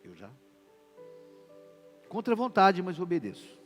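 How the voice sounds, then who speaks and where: A man, preaching a sermon as pastor and acting out what husbands and wives say in lively voices. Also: sits high, unhurried. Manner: animated preaching, acts out quoted wife and husband voices. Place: church. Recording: reverberant church hall with music behind.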